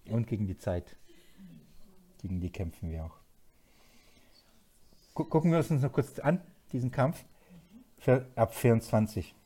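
A man preaching a sermon, moving from quiet asides to loud, emphatic passages and laughing often. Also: mid-range voice, big pitch swings, measured pace, pauses often, breathy edge.

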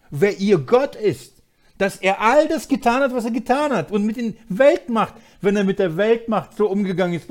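A man preaching a sermon, moving from quiet asides to loud, emphatic passages and laughing often. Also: sits high.

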